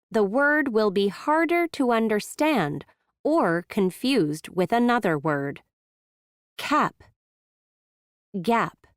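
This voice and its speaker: A woman narrating a scripted pronunciation lesson, modelling words carefully and deliberately. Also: mid-range voice, clear, resonant tone, no echo, studio quality.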